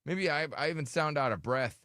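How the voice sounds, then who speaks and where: A morning radio host jokes at his own expense in relaxed, complaining banter, speaking briskly and animatedly in a fairly high, fairly bright voice. The sound is studio quality without echo, yet his studio microphone comes across thin and tinny.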